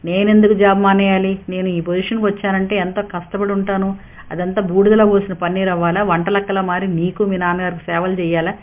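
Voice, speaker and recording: A woman's voice: medium pitch, steady tone, quick pace, natural voice. A woman voicing a proud young working wife who argues in a heated, defiant way. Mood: angry. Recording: tinny narrow-band sound.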